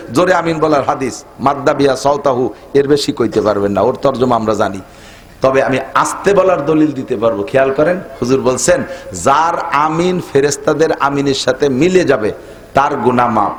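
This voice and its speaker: A man's voice: mid-range voice, normal speed. A middle-aged man preaching a waz sermon, emphatic and always asking the crowd to agree. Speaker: Islamic preacher. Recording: echoey public-address sound.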